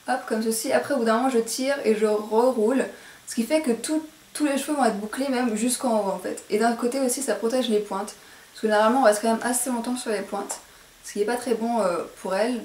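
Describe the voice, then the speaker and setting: A woman with a slightly high voice and a posh French accent demonstrates a hair tutorial. She hesitates often, pads her phrases with fillers and keeps correcting her own words. The camera picks her up from some distance in a roomy, echoing space. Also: a little mellow. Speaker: beauty vlogger. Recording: echoey room, mic at a distance.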